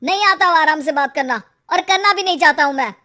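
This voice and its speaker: A hot-headed young cartoon husband, voiced by a woman, with a high, light voice pitched well above most men. He talks loudly and snaps back in arguments, in a bright animated-story delivery. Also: moderate pace, lightly acted. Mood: angry. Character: young married man, quick-tempered husband.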